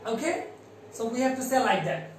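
A woman teacher from Bangladesh with a Bangladeshi English accent, giving a classroom pronunciation lesson and slowly repeating and spelling out words for drilling. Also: on the high side. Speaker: primary school teacher. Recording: very echoey room, distant mic, faint noise.

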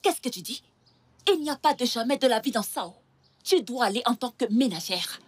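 A stern middle-aged village mother in a French film dub, scolds and bursts out in loud cries. Her voice is somewhat high and husky, and it moves a lot in pitch. Faint music plays behind her. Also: lively intonation, moderate pace. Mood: scolding. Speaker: dubbing actor.

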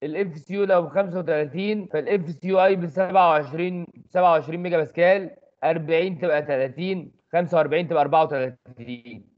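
A man with an Egyptian accent runs through a lecture at a quick clip, his voice pitched high for a man. He keeps asking rhetorical questions and answering them himself. The recording sounds dull and lo-fi. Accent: Egyptian Arabic. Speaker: engineering tutor.

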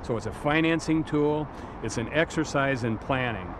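A man's voice: mid-range voice, normal speed. A middle-aged man giving blunt, emphatic business advice in an outdoor interview on a waterfront pier. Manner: blunt, emphatic, repeats words. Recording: outdoor traffic noise behind.

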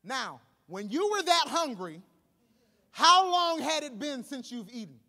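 Speaking into a handheld mic in a big auditorium, a thirtysomething pastor delivers a lively sermon that is conversational, emphatic and laced with humor. His very high, sharp voice swings widely in pitch and moves a little slowly, with echoing PA sound filling the hall.

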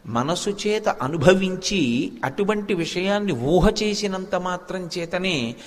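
An older man delivers a devotional discourse from a stage, weaving stories between chanted Sanskrit verses. His voice sits a little high for a man. A long reverb trails behind him in the large hall. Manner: storytelling, quoting Sanskrit verses. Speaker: religious discourse speaker.

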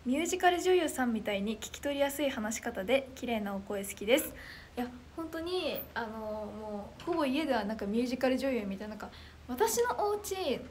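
Loud, bubbly young woman with a high voice. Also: slight background noise. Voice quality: anime-like voice. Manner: loud, clear, carrying voice; bubbly, excitable reactions. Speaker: idol livestreamer reading viewer comments. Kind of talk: casual livestream chat.

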